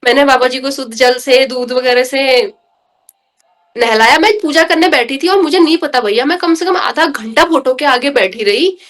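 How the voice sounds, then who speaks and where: Brief: woman guest, high voice, earnest and emotional storyteller. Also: normal speed, fairly bright tone. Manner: earnest, emotional storytelling, often addressing the host as brother. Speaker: podcast guest. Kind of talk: recounting a personal devotional experience.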